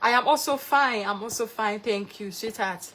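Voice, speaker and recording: A young Ghanaian woman with a Ghanaian accent hosts a live cooking stream, naming viewers as she greets them and thanking them over and over. Her voice is on the high side and a bit bright at a moderate pace, with a little hiss or hum in the recording.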